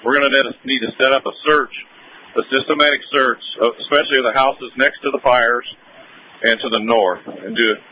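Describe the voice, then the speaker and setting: A man on urgent firefighter radio, speaking at a medium pitch. His voice is bright and forceful through the two-way radio. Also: fairly even intonation, fairly quick, slight background noise, poor audio.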